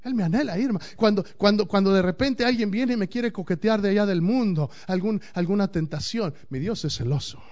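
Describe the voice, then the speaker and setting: A pastor delivers a sermon, swinging from loud declaiming to hushed, intimate passages. His voice is high-pitched and fairly quick with few pauses, and the highs are cut off.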